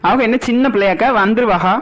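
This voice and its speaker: A woman voicing a chatty village neighbor in a cartoon, quick and nosy. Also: medium pitch, muffled recording, lightly acted. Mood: consoling.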